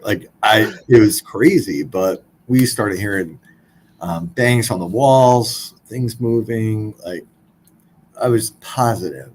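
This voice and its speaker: Low-voiced blunt man telling a story. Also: slight background noise, rough recording. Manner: blunt, swears freely, many fillers. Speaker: podcast guest. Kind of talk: casual storytelling.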